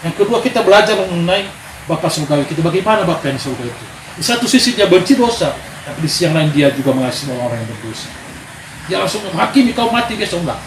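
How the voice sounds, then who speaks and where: A preacher at a men's gathering delivers a sermon full of energetic stories, calling for amens as he goes. His voice is a little high and rapid-fire. The room is echoey with background noise.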